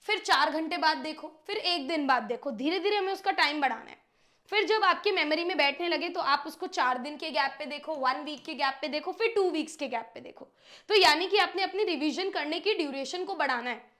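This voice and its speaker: A woman's voice: sits high, animated, fairly quick, pushed and bright. A young woman teacher giving students study tips, talking straight to them and acting out their questions.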